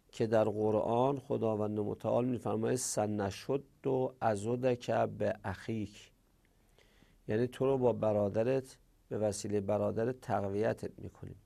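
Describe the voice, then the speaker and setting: A man teaching a grammar lesson, speaking deliberately and drawing out the example words. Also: fairly low pitch, creaky, mellow.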